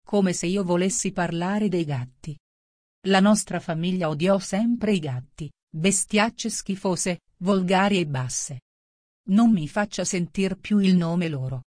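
A woman voicing a shrill, touchy little mouse. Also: unhurried, darkish tone, no echo, studio quality. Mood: fuming. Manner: shrill and angry, trembling. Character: small frightened touchy male mouse. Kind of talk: storybook reading.

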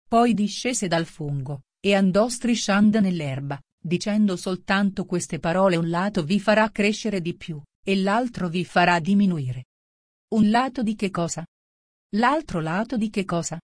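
A woman reading a storybook aloud as narrator, in a steady, measured way. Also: mid-range voice, dry recording, clean studio sound.

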